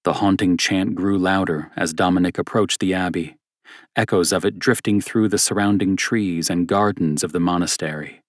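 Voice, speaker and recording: A male audiobook narrator reads in a steady, measured way. His voice is very low and close-miked, with a dry, dead sound and no room around it. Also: no echo.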